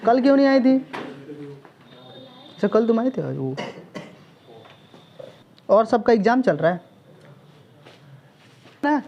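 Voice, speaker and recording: A man's voice: very high-pitched, very animated, slow pace, vocal fry, pauses often, muffled recording, slight background noise. A male physics coaching teacher lecturing a class in a chatty, teasing manner, constantly checking whether students follow. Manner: teasing, chatty, peppers speech with "sir" and check questions.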